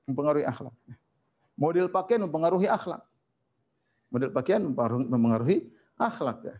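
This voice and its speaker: A male preacher with a fairly high voice, teaching in an easy, conversational manner. He hammers points home by repeating phrases, and his voice jumps up and drops down a lot. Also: a little fast. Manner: lively swings between high and low. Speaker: Islamic preacher. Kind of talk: Islamic lecture on parenting.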